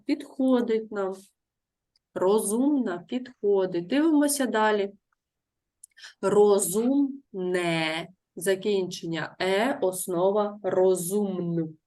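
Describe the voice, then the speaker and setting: A woman's voice: mid-range voice, expressive, slow, a little mellow. A woman teacher giving a classroom grammar lesson, patiently repeating her pupils' answers and asking guiding questions. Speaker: primary school teacher.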